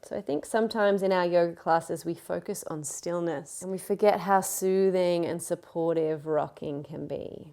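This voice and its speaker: Gentle lower-voiced woman guiding yoga. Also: fairly even intonation, vocal fry. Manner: gentle, encouraging, unhurried cueing of breath and movement. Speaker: yoga teacher. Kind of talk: guided yoga class instruction.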